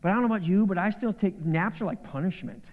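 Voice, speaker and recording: A man preaching a sermon as pastor, conversational and joking, with animated bursts. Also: high voice, fast talker. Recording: phone-like sound with long hall reverb.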